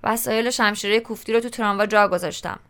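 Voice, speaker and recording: A bored, mocking sixteen-year-old schoolboy who tosses off dry sarcastic replies, as a woman reads him in an audiobook. The tone is smooth and clear, and the pitch sits mid-range. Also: steady tone, a bit bright, close to an everyday voice. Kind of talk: audiobook character reading.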